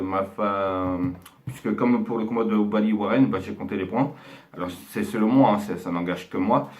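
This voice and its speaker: A man talks to camera in a loose, rambling way. His voice sits a little low. He leans on slang and fillers, and he perks up when describing the punches. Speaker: boxing commentator reacting to a fight. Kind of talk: casual talk to camera.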